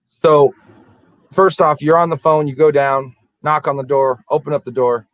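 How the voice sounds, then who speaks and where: A man co-hosting a podcast, calmly laying out events in order during a casual conversation. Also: fairly high pitch, normal speed, no echo, low-quality recording. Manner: methodical, walks through events step by step. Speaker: podcast co-host.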